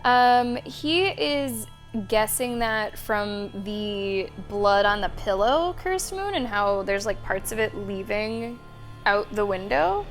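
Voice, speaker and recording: A woman game streamer chats with her viewers during a casual live playthrough, thanking and addressing them. Her mid-range voice is expressive and slow, heard over game audio with faint game music in the background.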